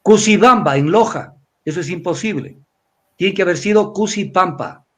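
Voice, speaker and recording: Lecturing older man with a high voice. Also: moderate pace. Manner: lecturing, repeats words, spells letters out. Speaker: commentator. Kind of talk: weekly analysis talk.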